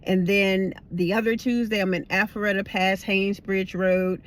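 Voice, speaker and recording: A woman's voice: medium pitch, little pitch movement, moderate pace. A middle-aged woman with a slight lisp from wearing retainers, tired and chatting candidly in a rambling, blunt, slangy way. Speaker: vlogger. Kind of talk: casual, candid chat to viewers. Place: inside a parked car.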